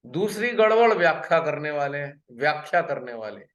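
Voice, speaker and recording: A man giving a spiritual talk on a video call, earnest and pausing, often repeating a phrase before going on. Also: on the high side, very animated, a bit bright, echoey room, highs cut off. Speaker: spiritual workshop speaker.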